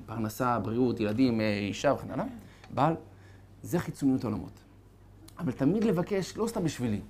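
Animated male rabbi telling stories. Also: mid-range voice. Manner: animated storytelling, acting out characters. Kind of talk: sermon.

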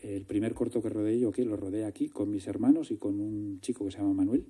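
A Spanish man who directs films, giving a public talk and telling lively anecdotes, acting out the dialogue in quick put-on voices. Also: on the low side, breathy edge. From Galicia, Spain. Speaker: film director.

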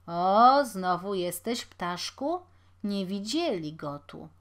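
A woman doing a loud gruff watchman. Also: medium pitch, animated, takes it slowly. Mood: hostile. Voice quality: thick, coarse voice. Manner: loud, threatening, shouting. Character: burly gruff male watchman, hostile. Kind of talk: audiobook character voice.

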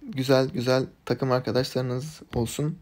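A gaming channel host gives live commentary on a mobile game, recorded on a phone, scolding his teammates. His tone is steady and his pace measured, though he swings between low muttering and loud yelling.

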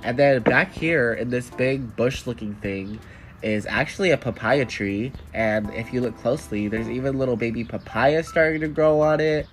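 A young plant vlogger in his twenties, nasal and congested with a cold, chats brightly through a casual voice-over tour of garden plants from an indoor room with plants. He speaks in a mid-range voice at normal speed, with faint music behind him.

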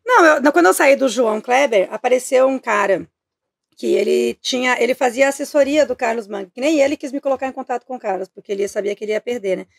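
A Brazilian woman guesting on a podcast, telling stories in an animated, blunt way and swearing freely. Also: a little high, quick pace, vocal fry, no room sound, studio quality. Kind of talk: casual storytelling chat.

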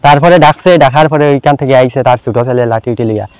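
A man's voice: mid-range voice, rapid-fire, a little mellow, clear, resonant tone, no echo, poor audio. A man, a local resident, giving a formal statement to camera that turns into plain storytelling.

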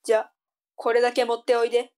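Woman acting a strict, bossy mother, highish voice. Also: monotone, fast, darkish tone, natural voice. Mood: brisk. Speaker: voice actor in a tongue-twister audio drama. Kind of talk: tongue-twister audio drama acting.

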